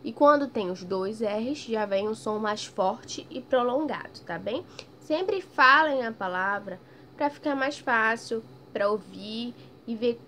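Slow, patient woman teacher. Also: fairly high pitch, slight background noise. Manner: slow, patient, stretches example words loudly; ends phrases with "tá bem?" checks. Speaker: primary school teacher. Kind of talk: recorded remote lesson for children.

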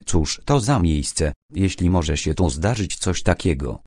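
Man doing a trembling doctor, hushed, low voice, dry recording. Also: animated, measured pace, no echo, exaggerated voice. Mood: shaken. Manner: hushed, shaken. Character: pale, trembling country doctor.

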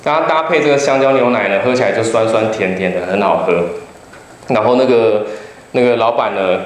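A man in his thirties from Taiwan with a Taiwanese Mandarin accent, giving a chatty, joking talk to an audience. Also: mid-range voice. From Kaohsiung, Taiwan. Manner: chatty storytelling, jokes with the audience. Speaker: public lecturer, travel writer. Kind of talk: humorous public talk with slides. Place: lecture hall. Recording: roomy hall with faint background noise.

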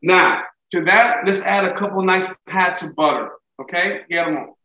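A middle-aged chef instructor, high-voiced and sharp in tone, talks at normal speed while demonstrating cooking to a student over video call. He coaches warmly, checking in with frequent "okay?" and "right?". The audio is lo-fi and reverberant.

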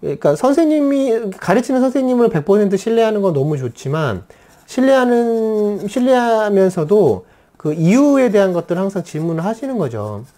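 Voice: medium pitch, big pitch swings, a little fast, mellow. An art teacher giving a casual drawing lesson, chatty and explaining through everyday examples and rhetorical questions. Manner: chatty, keeps asking listeners to agree.

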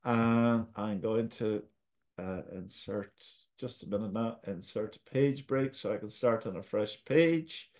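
A man's voice: on the low side, slow, darkish tone. A man with an Irish accent giving a screen-share tutorial, patiently talking through each step as he goes. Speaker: tutorial presenter.

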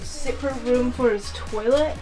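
A young woman giving a playful, excitable tour of a sailing catamaran, filmed on a handheld camera. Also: on the high side, moderate pace, over music. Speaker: crew member giving boat tour. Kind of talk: casual vlog tour.

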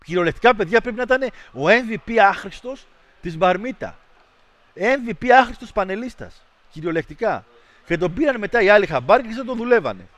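Animated man ranting on a livestream. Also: sits high, no room sound. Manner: animated, mocking rants. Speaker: livestream host. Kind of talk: casual stream chat with viewers.

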